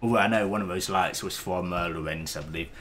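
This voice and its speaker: A man's voice: low-pitched, quick pace, a bit bright, a little hiss or hum. A man streaming a game, chatting casually with hesitant, rambling talk and the odd swear. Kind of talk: casual gaming stream chat.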